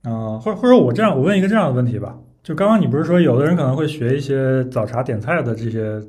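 A man's voice: medium pitch, expressive, fast talker, darkish tone. A man speaking as the host of a casual interview, asking questions conversationally.

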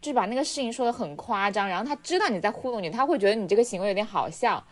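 A woman chatting casually, explaining her points with examples in an animated way. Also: medium pitch, racing. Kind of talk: casual chat.

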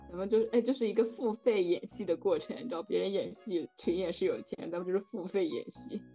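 Young woman, relaxed mellow timbre, casual chat, slightly muffled with music. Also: medium pitch, normal speed. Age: young adult. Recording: dull lo-fi sound, music behind.

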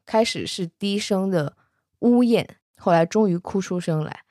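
A woman's voice: mid-range voice, measured pace, dry recording, clean studio sound. Chatty woman retelling a romance. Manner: chatty, with soft sentence-final particles. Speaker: storyteller. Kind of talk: casual retelling of a romance novel.

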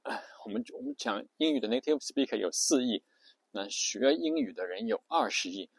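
A man's voice: medium pitch, huge pitch swings, normal speed, vocal fry, slightly rough, dry recording. A man giving a casual spoken lesson, chatty and full of fillers, often stopping to ask his listeners a question.

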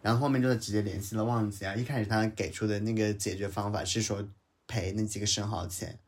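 A man's voice: fairly low pitch, steady tone, fast talker. A man telling a story in a casual chat, heated and ranting, with English words mixed in. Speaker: podcast co-host telling a story.

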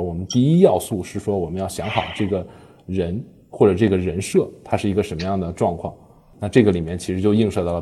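A man with a low, dark voice and a husky edge speaks at a brisk clip. He is a guest on a podcast panel, explaining his platform's work on short dramas. His talk is full of fillers and quick self-corrections.

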